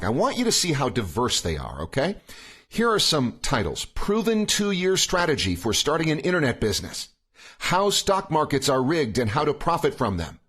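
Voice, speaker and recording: A man's voice: mid-range voice, fairly bright tone, husky. A man hosting a podcast, who reads the guest's introduction and then asks rambling, hedging questions. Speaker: podcast host. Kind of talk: casual interview questions.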